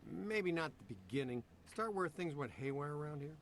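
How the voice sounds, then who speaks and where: A man's voice: on the high side, sing-song, moderate pace, slight background noise. A man voicing a sarcastic, laid-back ghost hunter in a video game, with dry wisecracks. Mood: wry. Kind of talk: video game cutscene acting.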